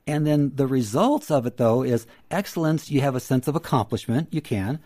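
A male counselor answers a host's questions in a calm, teacherly way. His pitch sits in the middle, and he repeats his key phrases to drive them home. The recording is close and dry. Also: normal speed, no echo. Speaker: counselor guest. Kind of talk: explaining advice in an interview.

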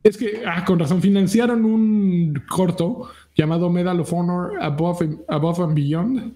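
A man's voice: sits high, steady tone, a little slow, mellow, echoey room. A man with a Mexican Spanish accent hosting a casual podcast chat. He rambles and jokes, often breaking off his own sentences. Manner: rambling, self-interrupting, joking. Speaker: podcast host.

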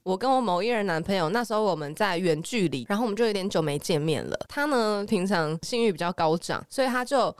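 A woman's voice: medium pitch, lively intonation, fast, few pauses, dry recording, clean studio sound. A young woman from Taiwan hosting a podcast, telling frank stories in casual chat and laughing often. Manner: candid, laughing storyteller. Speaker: podcast host.

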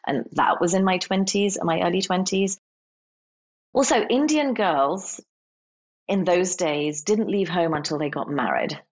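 A woman's voice: lowish voice, measured pace. A woman, a podcast guest telling stories candidly, laughing often and acting out voices. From England. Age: 40s. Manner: lively, laughs often, acts out quoted voices. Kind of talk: candid storytelling in conversation. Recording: slightly dull lo-fi audio.

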